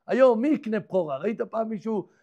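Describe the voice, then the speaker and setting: A man, a rabbi, tells a story in a sermon, constantly asking rhetorical questions and acting out the characters' lines. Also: high-pitched. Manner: acts out the characters' dialogue in lively voices. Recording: dull lo-fi recording.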